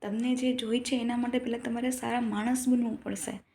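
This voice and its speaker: A woman's voice: on the high side, level tone, a little fast, warm tone, slight background noise. A woman giving an earnest motivational talk to her followers, lecturing with many rhetorical questions. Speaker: motivational speaker.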